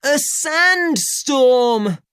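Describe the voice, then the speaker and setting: A woman's voice: high-pitched, expressive, drawn-out words, fairly bright tone, no room sound, clean studio sound, pitched above the performer's own voice, full character voice. A woman reading aloud and voicing an earnest, sensible young boy in a storybook. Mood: alarmed. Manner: raised, urgent childlike delivery.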